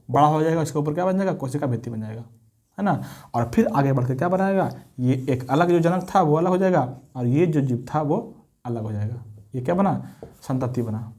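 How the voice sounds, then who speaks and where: With a medium-pitched voice and dark tone, a man gives a blackboard lesson in biology. He raises rhetorical questions, supplies the answers, keeps repeating key terms and blends Hindi with English.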